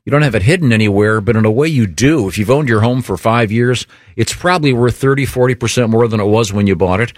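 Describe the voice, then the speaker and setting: A man's voice: mid-range voice, fast, hardly any pauses, no room sound. Dry-sounding male radio host. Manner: relaxed, stammering with fillers. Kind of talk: casual radio chat and host-read ad.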